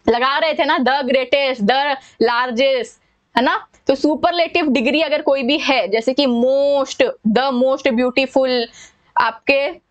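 High-voiced Indian woman teaching grammar. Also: muffled recording. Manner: explains step by step with questions; chatty and informal with students. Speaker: English teacher. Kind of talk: exam-prep grammar lesson.

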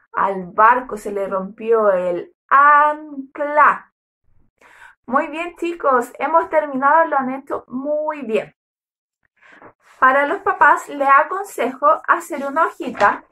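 A woman teaching a kindergarten phonics lesson, enunciating each syllable slowly and praising the children cheerfully. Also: sits high, pushed and bright. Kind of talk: slow, drawn-out phonics lesson for young children.

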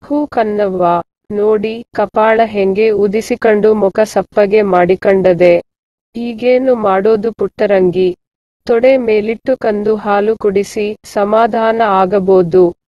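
A poor little village girl of about six talks in rustic, motherly speech, read by a woman narrator. She speaks slowly and evenly. The storybook recording sounds muffled and close, with no room echo. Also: medium pitch, fairly even intonation, natural voice. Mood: tender. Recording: dull, muffled dry recording.

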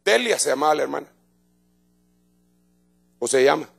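Gravelly, high-voiced Guatemalan preacher. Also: male voice, lively intonation, moderate pace. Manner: emphatic, conversational preaching to the congregation; repeats words and restarts phrases. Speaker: pastor. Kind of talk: evangelical sermon. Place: church in front of a congregation.

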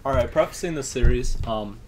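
A man's voice: mid-range voice, brisk, over a noisy crowd. A young man co-hosting a let's play, casually teasing and directing the player. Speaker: let's play co-host who knows the game. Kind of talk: casual gaming banter.

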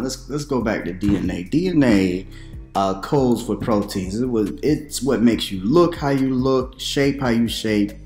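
A man in his thirties talks to camera as a preacher, chatty and questioning, with animated asides. His voice sits a little low. The home room rings noticeably, and faint music plays underneath. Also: reverberant. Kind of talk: casual commentary to camera.

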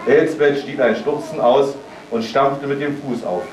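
A man reading a Christmas story aloud at a Christmas party, in measured, lively storytelling. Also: medium pitch, slight background noise. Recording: roomy sound from far off.

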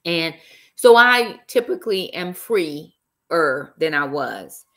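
A woman's voice: fairly low pitch, very animated, takes it slowly, fairly bright tone. A middle-aged woman hosting a casual live stream from a small room, chatting on her laptop webcam and dropping y'all and praise interjections. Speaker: author and live-stream host. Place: small room indoors, seated in an armchair.

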